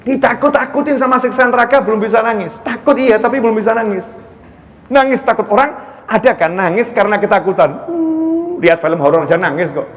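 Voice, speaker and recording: A man gives a lively, joking sermon in a high voice. The sound carries a long reverb, as in a large hall. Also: fast. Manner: lively, conversational preaching with jokes and quoted voices. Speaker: preacher. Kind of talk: Islamic sermon.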